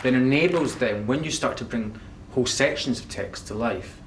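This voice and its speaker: A man's voice: medium pitch, moderate pace. A man talking reflectively and carefully in an interview. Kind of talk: interview talk. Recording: roomy distant sound with noise.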